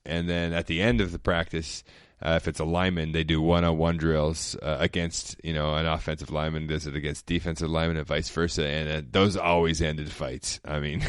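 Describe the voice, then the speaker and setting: Man, very low voice, dry close sound, rambling anecdotal guest. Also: a bit bright, clear, resonant tone, no echo. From Canada. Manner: rambling, laid-back, frequent fillers. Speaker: former pro football player, guest. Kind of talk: casual storytelling chat.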